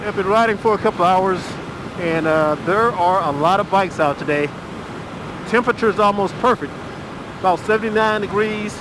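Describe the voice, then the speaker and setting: Out on a rural road, a middle-aged man with a high-pitched voice rides his motorcycle and chats for his motovlog. The commentary is laid-back and rambling, with drawn-out pauses filled by filler words. Motorcycle engine, wind, and road noise dominate the helmet mic audio.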